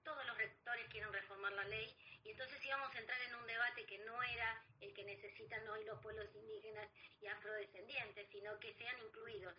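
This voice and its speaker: A woman's voice: fairly high pitch, fairly even intonation. Argentine woman, guest in an interview, hesitant, filler-heavy delivery, slightly dull recording with faint hiss. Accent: Argentine Spanish. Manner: hesitant, many fillers, measured explanation. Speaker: guest academic. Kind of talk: conversational interview answer.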